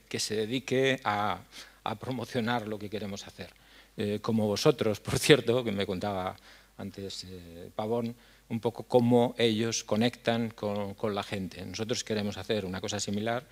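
An older man from La Mancha, head of a foundation, giving a speech on a dark stage at a stand mic, earnest and halting, with many fillers. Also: fairly low pitch. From La Mancha, Spain. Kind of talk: conference speech. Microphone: stand mic at a lectern.

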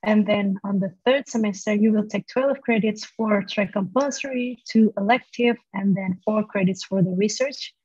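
Using a laptop mic on a video call, a woman lecturer explains a university study program at a moderate pace with few pauses, though she says "uh" a lot. Her mid-range voice is a little mellow with a breathy edge, and the dull lo-fi audio has no echo.

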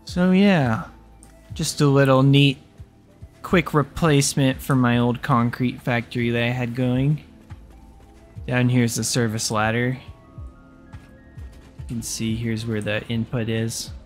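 A young man talks through his factory build in loose, joking gameplay commentary, with the odd curse thrown in. His voice sits in a middle pitch. Soft music plays quietly behind him. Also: flat delivery, measured pace, long pauses. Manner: goofy, jokey, swears freely. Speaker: gaming YouTuber.

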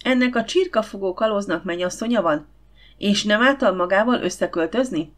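A woman's voice: medium pitch, fairly bright tone, close to an everyday voice. A woman voicing a bossy, outspoken older housekeeper in an audiobook, talking bluntly and grumbling.

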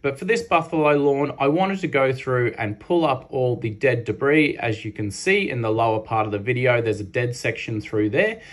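A man's voice: mid-range voice, moderate pace, hardly any pauses. Australian man, thirties, lawn care host, step-by-step voice-over, casual and practical. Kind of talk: instructional voice-over.

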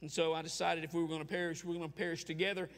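A soft-spoken, tender mother explaining her sacrifice, as a preacher puts her on. The voice is raised in pitch and gravelly, and a long church reverb trails behind it. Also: level tone, very fast, lightly acted. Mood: solemn. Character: gentle self-sacrificing single mother.

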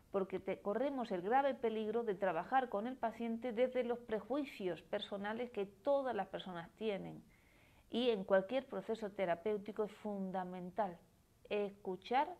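Andalusian lady psychoanalyst in her 40s, live stream talk, explains stuff and keeps tagging "¿no?", middle pitch. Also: mellow. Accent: Spanish from Málaga. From Spain. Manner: explanatory, tags phrases with questioning "¿no?". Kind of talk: live-streamed talk answering viewer comments.

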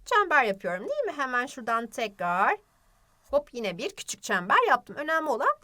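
A young woman with a fairly high voice leads a children's phonics lesson. Her pitch swings widely as she stretches out words and asks cheerful questions in a sing-song manner, like a classroom teacher. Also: a little fast. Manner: lively, sing-song, drawing out words for emphasis. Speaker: primary school teacher.

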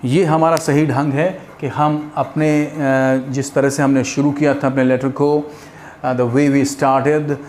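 Slow-spoken Indian English teacher, man. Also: medium pitch, little pitch movement, darkish tone, slight background noise. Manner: mixes Hindi and English, slows right down to spell out English examples. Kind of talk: grammar lesson.

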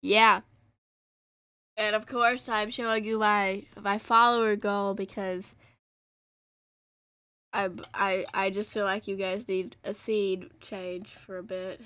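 A woman's voice: medium pitch, level tone, slow pace, pauses often, fairly bright tone, no echo. A young woman streaming a game live from home into a close desk mic, chatting in a rambling, self-interrupting way and humming nonsense tunes. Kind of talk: casual live-stream chat over gameplay.

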